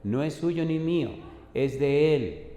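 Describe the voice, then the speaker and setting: A man's voice: fairly high pitch, slow pace, warm tone, muffled recording. A man, a pastor preaching a sermon, telling stories and acting out both sides of the dialogue while pressing the congregation with yes-or-no questions. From Dominican Republic. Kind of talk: sermon storytelling. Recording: echoey hall with faint noise.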